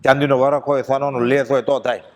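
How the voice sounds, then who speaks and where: A man giving a devotional discourse to a gathering, telling stories with feeling and reciting verses slowly. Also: mid-range voice, level tone. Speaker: spiritual discourse speaker. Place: pilgrimage satsang gathering. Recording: long hall reverb.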